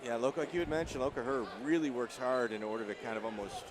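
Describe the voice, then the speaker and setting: A man's voice: medium pitch, fast. A man giving live play-by-play commentary on a fight. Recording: noisy venue background.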